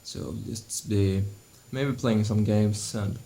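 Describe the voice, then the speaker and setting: Slow, low-voiced young man vlogging at home. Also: steady tone, mellow. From Sweden. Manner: slow and halting, with many restarts. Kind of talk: casual vlog. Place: at home indoors.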